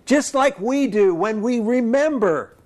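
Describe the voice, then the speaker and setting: A man preaching a sermon, animated and folksy, acting out little voices and dialogue as he speaks. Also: very high-pitched, unhurried. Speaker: pastor.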